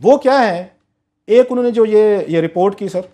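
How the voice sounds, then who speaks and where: A man's voice: high voice, moderate pace, warm tone. A man, giving emphatic, story-driven commentary as a political analyst on a talk show.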